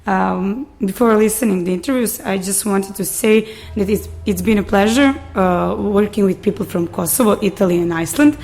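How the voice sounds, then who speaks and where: A woman's voice: mid-range voice, normal speed, few pauses. A woman in her twenties from Serbia with a Serbian accent, a native Serbian speaker, steadily introducing a youth exchange radio piece in English. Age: 20s. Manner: steady, listing names and topics with small hesitations.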